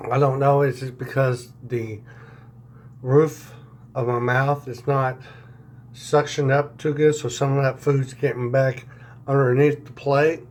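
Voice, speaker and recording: Slow, halting man with denture-affected speech. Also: medium pitch. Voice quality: speech affected by new dentures and swollen mouth. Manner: halting, rambling, searching for words. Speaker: vlogger sharing dental recovery diary. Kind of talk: casual unscripted video diary.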